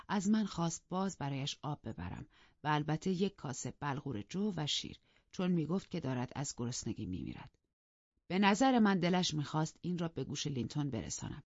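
Low-voiced woman reading a novel aloud. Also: dry recording, dull audio. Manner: measured, calm storytelling. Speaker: audiobook narrator. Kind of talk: scripted narration of a novel.

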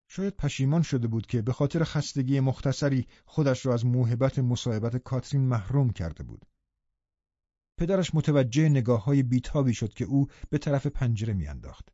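A man reads a novel aloud in a steady, even narration. His voice is mellow and dark, recorded dry with no room sound, and the audio is dull and lo-fi. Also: medium pitch, dry recording. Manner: steady storytelling reading. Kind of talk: scripted narration.

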